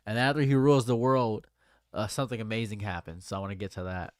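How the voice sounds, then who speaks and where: A man's voice: fairly low pitch, fast talker, smooth, no echo, studio quality. Rambling man in his late twenties. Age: late 20s. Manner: rambling, repeats himself, restarts phrases. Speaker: streamer. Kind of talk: casual livestream chat.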